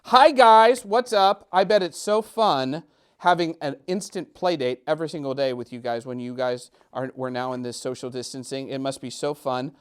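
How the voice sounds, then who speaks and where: Hosting a children's storytime, a middle-aged man chats and jokes directly with young listeners in a casual, playful, self-deprecating way. His mid-range voice sounds clean and moves at a normal speed.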